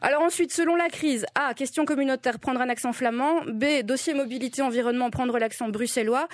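Fast-talking woman comedy columnist. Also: sits high, no echo, clean studio sound. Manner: hesitant, stammering, with many fillers. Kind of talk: comic radio column. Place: radio studio. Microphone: studio microphone.

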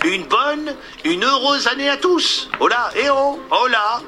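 A man doing Scrooge as an excited high-voiced old miser. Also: normal speed, soft background music, exaggerated voice. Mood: elated. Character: elderly male miser turned joyful, excitable.

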